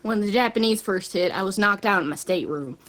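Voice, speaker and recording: A woman's voice: mid-range voice, lively intonation, a little fast, a bit bright, natural voice, low-quality recording. A woman playing an earnest, folksy navy soldier giving a grave 1940s war broadcast interview. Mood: grave, resolute. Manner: folksy, earnest, polite military address. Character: grave, devout, patriotic World War Two navy soldier.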